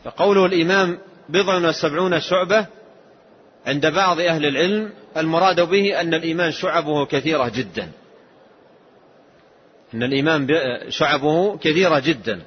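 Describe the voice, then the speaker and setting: A man with a husky, somewhat high voice teaches a religious lesson in a slow, measured way. He explains the text patiently, point by point. The recording sounds dull and lo-fi, like an old lesson tape. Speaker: Islamic scholar.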